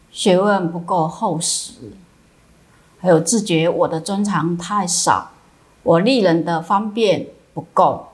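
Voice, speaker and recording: Woman Buddhist teacher, calm sermon reading, low voice, very slow delivery. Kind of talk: sermon reading with koan stories.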